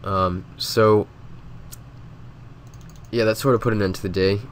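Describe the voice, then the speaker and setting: A man's voice: lowish voice, fairly even intonation, unhurried, a little hiss or hum. A man with a stuffy, sick nose, casually rambling through a game commentary voice-over with lots of filler words. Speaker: gaming video host.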